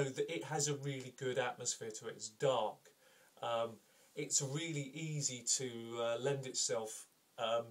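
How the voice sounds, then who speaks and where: An enthusiastic man talks straight to a camera in a casual review, rambling and circling back on his points. His voice is picked up from a little distance by the camera mic, at an ordinary mid pitch. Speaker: game reviewer.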